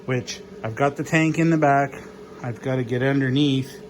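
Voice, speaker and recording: A man's voice: medium pitch, fairly even intonation, normal speed, slight background noise. A man vlogging about his engine work, rambling and joking as he goes, swearing casually. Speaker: mechanic vlogger. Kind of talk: casual workshop vlog.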